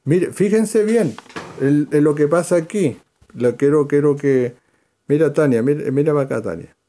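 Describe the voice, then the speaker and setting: A man's voice: fairly high pitch, moderate pace, mellow. A man leading a verse-by-verse Bible study, explaining and calling on readers by name.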